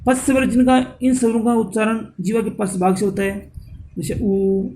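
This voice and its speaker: A man teaching a grammar lesson, slowly repeating terms and counting out items one by one. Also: high voice, warm tone.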